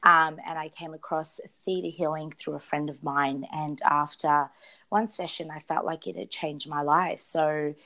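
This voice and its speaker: A woman's voice: sits low, steady tone, a little slow, pushed and bright, low-quality recording. A woman with an Australian accent, a podcast guest answering interview questions with many hesitations. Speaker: guest, theta healing practitioner.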